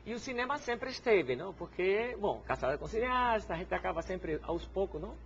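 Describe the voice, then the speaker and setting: A woman, a Spanish speaker, answering in a TV interview as guest; she speaks haltingly and keeps adding little "no?" tags. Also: medium pitch, animated. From Cuba. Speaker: guest, filmmaker and museologist. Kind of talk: TV interview conversation. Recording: dull TV broadcast sound with faint hiss.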